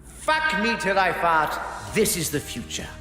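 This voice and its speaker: A man's voice: high-pitched, big pitch swings, unhurried, bright, forceful tone, full character voice. Man playing a smug greedy company presenter, mock-solemn, sarcastic, echoey, faint music. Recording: roomy echo with background music.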